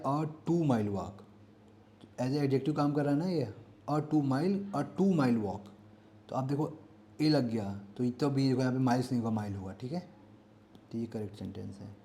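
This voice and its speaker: A man's voice: mid-range voice, warm tone. A man with an Indian accent teaching English grammar for exam prep. He asks the class questions, answers them himself and repeats key words. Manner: reads English example sentences slowly and carefully.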